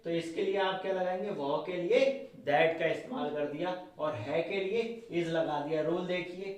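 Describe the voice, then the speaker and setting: A man teaching a grammar lesson. He keeps asking his students questions, answers them himself, and ends lines with a quick "theek hai.". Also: on the high side. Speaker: English teacher. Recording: very echoey room, voice from far off the mic.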